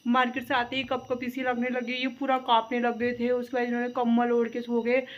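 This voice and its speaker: A woman's voice: fairly high pitch, completely flat delivery, fairly quick, dull audio. A woman in her thirties with an Uttarakhandi Hindi accent, chatting casually through a family vlog and rambling with lots of filler. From Uttarakhand, India. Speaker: family vlogger. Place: outdoors in traffic and at home.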